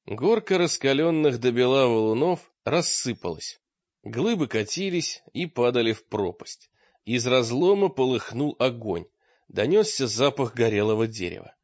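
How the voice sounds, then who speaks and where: Male audiobook narrator, mid-pitched, steady dramatic reading, dry, dull lo-fi sound. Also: normal speed, no echo. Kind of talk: scripted fantasy narration.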